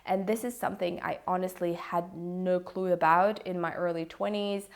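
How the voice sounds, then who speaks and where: A woman in her thirties speaks in a slightly low register. She shares personal advice straight to her listeners, looking back with a reflective, regretful manner. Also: steady tone, moderate pace. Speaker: video creator sharing pregnancy advice. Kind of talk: personal advice monologue to camera.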